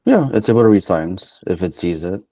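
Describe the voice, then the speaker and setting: A man's voice: deep voice, very animated, brisk, dark tone, dry recording. A man explaining a product and answering questions in a webinar, with plain explanations and fillers. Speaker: product presenter. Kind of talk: live webinar Q&A.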